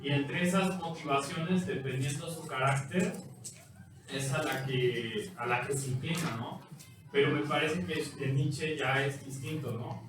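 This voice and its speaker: Distant echoey male student. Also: fairly high pitch. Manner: measured, tentative phrasing. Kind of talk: class question. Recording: distant, very echoey, noisy mic.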